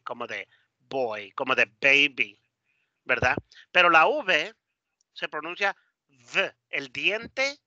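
A man with a Mexican Spanish accent, teaching English phonetics in Spanish, slowly modelling single sounds and checking in with "¿verdad?" and "¿ok?". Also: a little high, sharp tone, no room sound. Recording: dry, slightly dull lo-fi sound.

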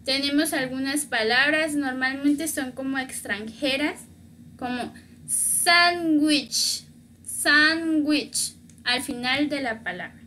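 A woman from Mexico, teaching a beginner language lesson, patiently repeating words slowly to model their pronunciation. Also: high-pitched, steady tone, sharp tone, a little hiss or hum. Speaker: Spanish teacher.

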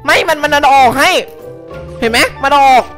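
A young man giving excitable, casual co-op game commentary, yelping and laughing often. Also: very high-pitched, normal speed. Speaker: gaming YouTuber. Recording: music playing behind.

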